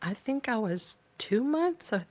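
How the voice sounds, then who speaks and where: A woman's voice: on the high side, big pitch swings, unhurried, a little mellow. An American woman from Dallas speaking as a guest in a casual conversational interview. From Dallas, Texas, US.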